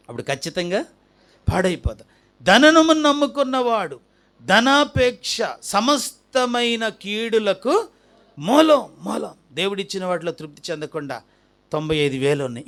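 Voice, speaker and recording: Male pastor, high voice, emphatic repetitive sermon delivery with storytelling. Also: fairly bright tone. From India. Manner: repeats key phrases with rising emphasis, asks the congregation questions; acts out a little story with quoted dialogue.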